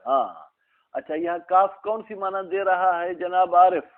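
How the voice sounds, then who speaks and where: A man teaching an Arabic grammar class, explaining slowly and quizzing his students by name. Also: high voice. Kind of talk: classroom lesson, questioning students. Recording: tinny phone-like recording.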